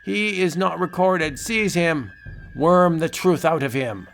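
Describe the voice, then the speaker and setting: A man's voice: a little high, slow pace, vocal fry, fairly bright tone, soft background music, voice pushed up, exaggerated voice. A man voicing a stern, menacing spirit official with a barking, theatrical manner, in a vintage horror comic book narration. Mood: stern, suspicious.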